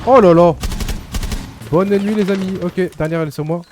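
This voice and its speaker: A man giving excitable, slangy live commentary to his viewers while playing a shooter game. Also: sits high, normal speed, noisy background. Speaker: gaming YouTuber.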